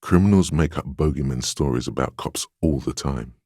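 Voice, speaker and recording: A man with a deep bass voice, gravelly and husky yet warm, plays the steadfast inner voice of willpower in a video game. As a stern but encouraging mentor, he delivers scripted second-person counsel in a measured, solemn, steadying manner. The recording is dry and studio quality.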